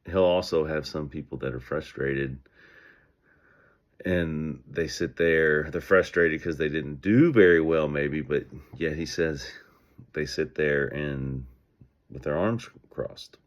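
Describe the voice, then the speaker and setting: A man speaking as a business owner, telling stories and giving advice in an energetic, conversational way. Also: a bass voice, takes it slowly. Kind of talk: casual motivational talk.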